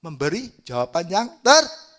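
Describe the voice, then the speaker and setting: A male evangelist, preaching a sermon in an emphatic style that swings from soft to loud and asks the congregation questions. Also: high-pitched, sing-song, normal speed. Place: church service.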